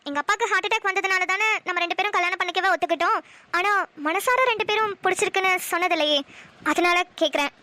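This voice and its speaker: A woman's voice: very high-pitched, fast, pushed and bright, dry recording. Woman voicing a curious, teasing young cartoon wife. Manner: probing questions, playful. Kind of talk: Tamil cartoon voice acting.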